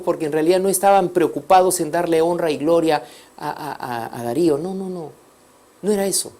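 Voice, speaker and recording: A man telling a religious story as a sermon, swinging between loud emphasis and soft, hushed passages. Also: fairly high pitch. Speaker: teacher of a religious course. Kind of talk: preaching storytelling.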